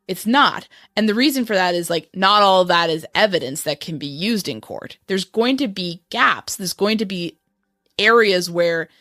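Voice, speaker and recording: A woman's voice: on the low side, fairly bright tone, no echo, studio quality. A woman co-hosting a podcast, talking through a criminal trial in an informal, explanatory, conversational way. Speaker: podcast host. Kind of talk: conversational true-crime trial commentary.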